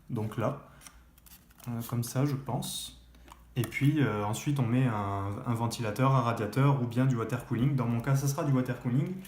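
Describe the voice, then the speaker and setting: A man's voice: mid-range voice, darkish tone. Guy unboxing pc parts, lots of euh and restarts, roomy echo, bit of hiss. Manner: hesitant, many fillers and restarts. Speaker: tech youtuber. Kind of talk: casual unboxing vlog. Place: room at his desk. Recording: echoey room, faint background noise.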